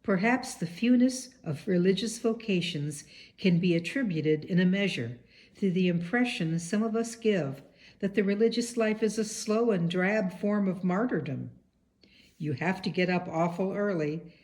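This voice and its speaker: A woman reading a biography aloud as an audiobook, in a measured, earnest way. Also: medium pitch, a little mellow. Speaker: audiobook reader. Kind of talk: read-aloud biography narration.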